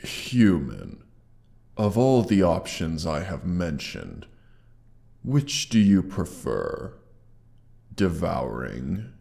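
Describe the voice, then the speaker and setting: A man voices an injured, hoard-guarding male dragon, proud and menacing, in a scripted roleplay audio monologue, with a processed monster effect on his very deep, gravelly voice. He speaks slowly and deliberately with haughty menace and old-fashioned phrasing. The performance is heavily acted yet a little mellow.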